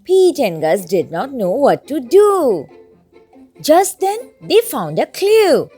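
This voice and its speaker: A high-pitched woman narrates a picture book for young children. She takes her time and swings her pitch dramatically in a sing-song storytelling manner, with music underneath. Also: sing-song, slow pace, dark tone, slightly rough. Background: background music.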